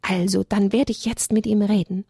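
A woman's voice: medium pitch, steady tone, moderate pace, creaky, husky, no room sound, clean studio sound. A woman voicing an earnest, trusting young male animal in a children's story. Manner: earnest, soft-spoken.

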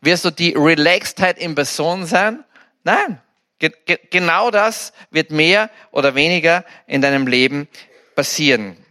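An Austrian man gives a sermon to a church audience, his voice bright and somewhat high for a man. He tells stories with humor and briefly acts out what the people in them say. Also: measured pace. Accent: Austrian German. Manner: lively storytelling with jokes and acted quotes. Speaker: pastor.

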